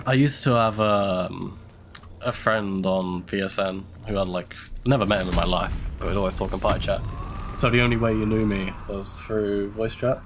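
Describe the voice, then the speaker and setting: A young man from the UK with a London accent gives casual gameplay commentary while live-streaming, stuffy from a cold. His voice is on the low side with fairly even intonation and a moderate pace, slight background noise behind it, and he's chatty, laughing often and thinking aloud.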